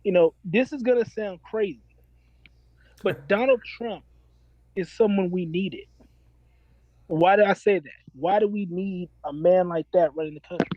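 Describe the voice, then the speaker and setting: A man's voice: sits high, normal speed, dry recording, lo-fi sound. A man in his forties, a self-described minister, talking earnestly and preachily in a casual interview and repeating his key phrases. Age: 40s.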